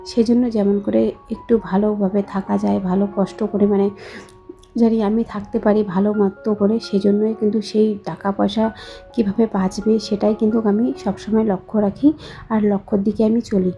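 A young woman with a hoarse voice from a cold, chatting slowly and softly to her viewers in a voice-over for her home vlog. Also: medium pitch, little pitch movement, lo-fi sound, faint music behind. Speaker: vlogger, housewife.

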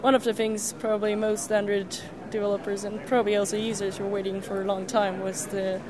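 A woman's voice: medium pitch, little pitch movement, brisk, crowd noise. A woman from Austria, a developer, answering interview questions in a frank, lightly dry way. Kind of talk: casual interview.

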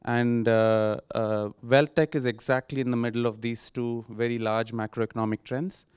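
A man's voice: mid-range voice, flat delivery, normal speed, darkish tone, clean tone, dry recording, studio quality. A man, a book co-author, introducing himself and explaining his topic articulately into a handheld mic in a seminar room. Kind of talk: self-introduction at book launch.

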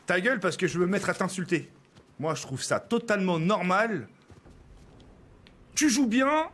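A man's voice: high-pitched, a bit bright, slightly rough. A man from France streaming a game, ranting at his viewers with exasperation, swearing and stumbling over his words. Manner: exasperated, swearing, stammering restarts.

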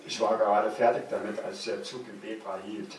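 A German man in his sixties reading aloud from his own memoir, measured and slowing down for suspense. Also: lowish voice, little pitch movement, slight background noise. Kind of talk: literary reading. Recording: very echoey room, distant mic.

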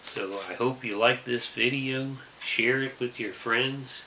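A man in his forties hosting a product review, deadpan, measured and halting. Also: mid-range voice. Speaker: host, snack reviewer. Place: small room indoors. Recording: roomy with background noise.

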